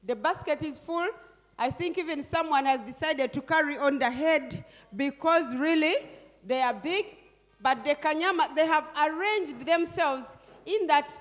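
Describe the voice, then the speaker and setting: A woman's voice: high-pitched, unhurried. An older woman leading a group workshop, coaxing and directing people with frequent questioning tags. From Uganda. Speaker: workshop facilitator. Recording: long hall reverb.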